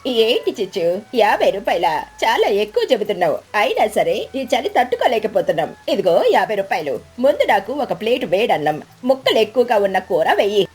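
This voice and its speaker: A woman doing a blunt, lower-voiced eagle. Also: big pitch swings, a little fast, hardly any pauses, a little mellow, husky. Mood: bargaining. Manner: blunt, complaining. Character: grown female eagle, blunt and outspoken.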